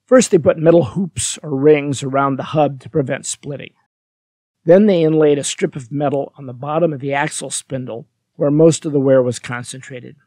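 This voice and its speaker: A man's voice: on the high side, moderate pace, warm tone, dry recording. Lighthearted man narrating a history lesson. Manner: lighthearted, dry asides to the viewer. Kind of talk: scripted documentary narration.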